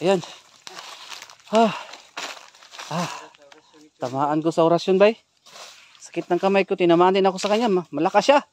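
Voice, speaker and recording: A man's voice: sits high, moderate pace, pauses often, noisy background. A man on a ghost-hunting vlog, urgently giving tense commands to his companions outdoors in a forest. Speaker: ghost hunter.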